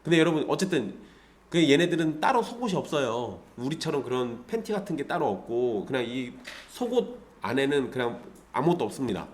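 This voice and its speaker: A man's voice: mid-range voice, sing-song, brisk. A male pastor giving a conversational Sunday sermon, asking the congregation rhetorical questions and explaining scripture.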